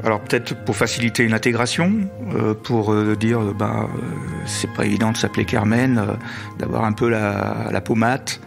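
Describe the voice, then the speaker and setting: An older man speaking as an adoptive father in an interview, hesitant, with many pauses. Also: fairly low pitch, little pitch movement, creaky. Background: soft music.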